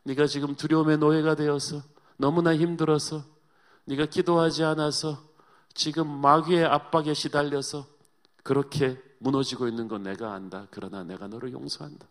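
A preacher voicing a gentle, forgiving divine teacher who speaks softly and then rises into earnest pleading. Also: male voice, fairly high pitch, fairly even intonation, moderate pace, voice pushed up, close to an everyday voice. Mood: tender. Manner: soft, compassionate, rising to pleading.

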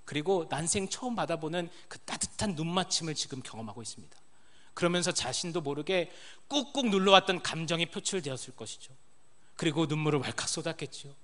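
A man in his thirties, a pastor preaching a sermon as a story, his voice falling low and quiet at the ends of sentences. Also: lively intonation, quick pace.

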